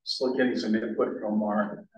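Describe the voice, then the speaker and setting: A man's voice: on the low side, level tone, moderate pace. A man speaking as a board member at a city meeting, conversational with hesitant fillers. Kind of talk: public meeting discussion. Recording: echoey meeting room, distant mic.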